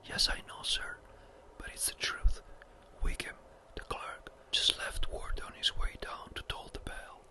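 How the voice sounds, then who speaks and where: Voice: a little slow, pushed and bright. A narrator whispering the lines of an agitated, gossiping country housekeeper. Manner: breathless, chattering.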